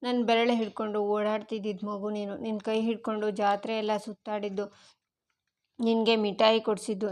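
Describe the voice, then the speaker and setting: A woman voicing a rough-spoken village older brother in rustic dialect, tearful at first and then joking. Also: medium pitch, close to an everyday voice.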